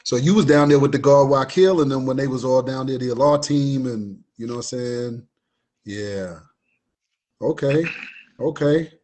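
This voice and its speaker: A man's voice: mid-range voice, normal speed, a little mellow. Man hosting, affirming and chatty. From Richmond, Virginia. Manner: affirming, says "you know what I mean" often. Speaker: host. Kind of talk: casual conversation.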